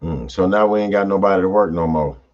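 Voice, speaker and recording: A man's voice: low-pitched, fast, darkish tone. A man joining a group conversation over a conference call line, chatting casually and joking along. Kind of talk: casual chat. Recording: muffled, lo-fi call audio.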